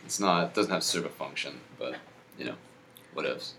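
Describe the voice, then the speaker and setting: A man co-hosting a casual comedy podcast, dry and quick-witted with an ironic edge. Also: extremely low pitch, bright, forceful tone, slight background noise. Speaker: podcast co-host.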